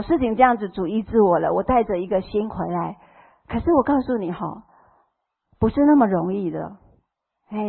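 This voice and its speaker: Husky middle-aged woman with a Taiwanese accent. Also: medium pitch. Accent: Taiwanese Mandarin. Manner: emotional storytelling, acting out quoted dialogue. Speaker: church member giving testimony. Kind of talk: personal testimony to a congregation. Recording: tinny phone-like sound.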